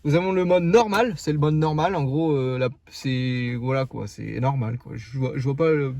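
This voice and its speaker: A man's voice: mid-range voice, normal speed, vocal fry, a little mellow, dry recording. A young man casually showing off his car outdoors, joking and rambling with lots of fillers. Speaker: car vlogger.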